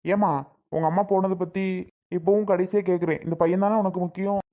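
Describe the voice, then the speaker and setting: A man playing a calm, level police officer. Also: sits high, fairly quick, close to an everyday voice. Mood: patient. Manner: steady, patient questioning. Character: calm male police officer questioning a family. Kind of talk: family drama skit.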